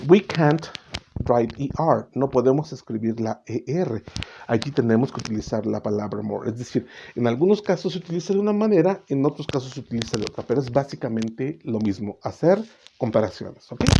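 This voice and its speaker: A man teaching English grammar in a bilingual class, often checking in with "ok?" and slowing down to model English words. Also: mid-range voice, dark tone. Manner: switches between Spanish and English, checks in with "¿ok?". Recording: slightly dull recording with faint noise.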